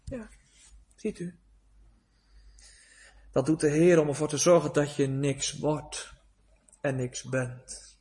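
A man preaching a sermon, moving from quiet, hushed passages to rising, pleading cries. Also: on the high side, fairly even intonation, measured pace.

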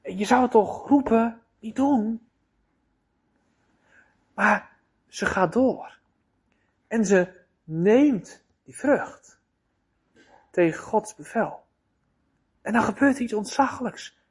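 A man preaching a sermon in a deliberate, emphatic way, with rhetorical questions to his listeners. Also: sits high.

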